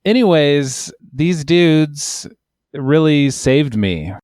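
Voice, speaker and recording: A man's voice: a little high, lively intonation, extremely slow, a little mellow, dry recording, studio quality. A man, an immigration lawyer, telling a long, wry, rambling story in casual podcast chat.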